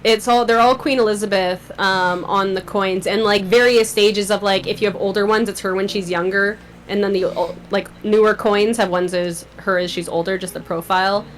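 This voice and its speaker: A woman's voice: mid-range voice, steady tone, moderate pace, few pauses, slight background noise. A young woman, a podcast guest chatting casually, rambling with lots of "like" and frequent laughs. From Canada. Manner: rambling, laughs often, fillers like "like". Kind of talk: casual chat.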